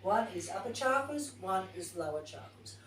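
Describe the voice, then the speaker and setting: A woman's voice: mid-range voice, animated, moderate pace, a little hiss or hum. Chatty woman teaching in an echoey room. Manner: chatty, informal, thinks aloud while reading. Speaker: yoga teacher trainer. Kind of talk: casual group class talk. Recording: distant, echoey room recording.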